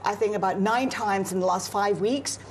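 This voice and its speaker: On location in Beijing, a Singaporean woman anchoring the news breaks down world affairs in a live broadcast discussion at a normal speed, her voice mid-range. She's fluent and analytical, though "you know" crops up a lot. There's a little hiss or hum in the recording.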